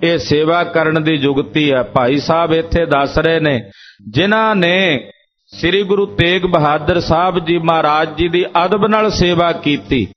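A man's voice: fairly high pitch, a little slow. A man preaching a Sikh sermon, explaining each sung verse by repeating its meaning in several phrasings. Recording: lo-fi dull recording.

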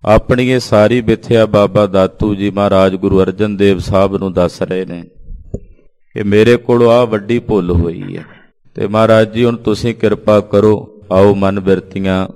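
A man preaching a reverent sermon, retelling a sacred story in a measured way and reciting verses. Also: fairly low pitch, steady tone, a little mellow. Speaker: Sikh preacher.

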